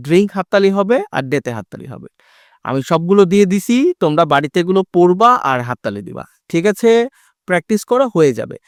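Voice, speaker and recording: A male teacher with a Bangladeshi accent giving an online English class. He reads rhyme lines slowly and explains each one in turn. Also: high-pitched, no room sound, studio quality. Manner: explains each rhyme line in slow English, then translates.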